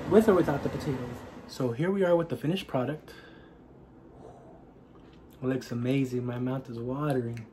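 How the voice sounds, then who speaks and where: A man hosting a casual cooking tutorial at home, chatty and encouraging as he talks straight to viewers. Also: mid-range voice. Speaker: cooking channel host. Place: home kitchen. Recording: noisy kitchen with frying sounds. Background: food frying.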